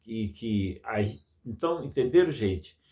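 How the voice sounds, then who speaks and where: A man's voice: lowish voice, animated, measured pace, dark tone. A man teaching music to children, patient and full of diminutives, imitating sounds as he explains.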